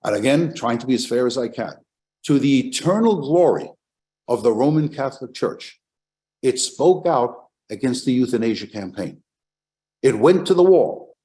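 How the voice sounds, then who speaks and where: An older American man giving a public history lecture as a professor, emphatic and animated, with rhetorical questions and repeated phrases. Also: medium pitch.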